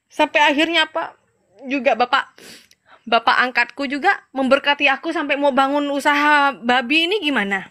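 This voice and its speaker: A woman's voice: high voice, normal speed, sharp tone. A middle-aged woman from Madura, an evangelist, giving an earnest, emotional personal testimony and advising the listener directly. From Madura, Indonesia.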